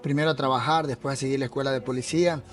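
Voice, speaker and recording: A man with a coastal Ecuadorian accent, a mountaineer and police officer, telling his story in an earnest, halting way during a café interview. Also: mid-range voice, fairly even intonation, soft background music. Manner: earnest, repeats words while searching for them. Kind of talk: casual interview.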